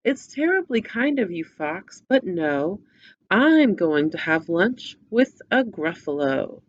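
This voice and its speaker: A woman's voice: fairly low pitch, very animated, takes it slowly, highs cut off, slight background noise. A woman voicing a small, clever, boastful mouse in a sing-song storybook read-aloud. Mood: polite.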